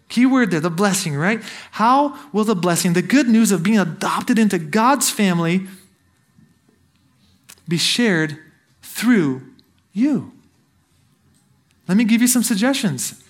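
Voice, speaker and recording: Delivering a sermon from the pulpit, this missionary preacher, a man in his thirties who grew up in Brazil, speaks in a notably high voice. His tone is earnest and exhorting, and he repeatedly puts direct questions to the listeners.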